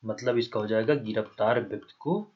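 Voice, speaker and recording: A man's voice: on the low side, a little fast, husky. A man with a Hindi accent teaching an exam-prep lesson, writing on a board as he talks, spelling terms out letter by letter and often checking with "ठीक है ना". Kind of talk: classroom lecture, writing on a board. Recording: dull, lo-fi recording.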